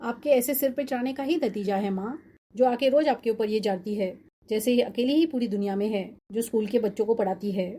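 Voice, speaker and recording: A woman's voice: fairly high pitch, fairly quick, dark tone, a little hiss or hum, close to an everyday voice. A woman voicing a grown son and husband in a cartoon-style family drama, reasoning and reproachful with his wife.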